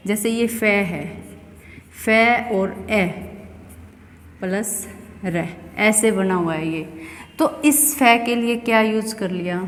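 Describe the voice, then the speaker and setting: A woman from India teaching an English pronunciation lesson, explaining step by step and often asking the student questions. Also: medium pitch. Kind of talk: classroom lesson. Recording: echoey room with long reverb.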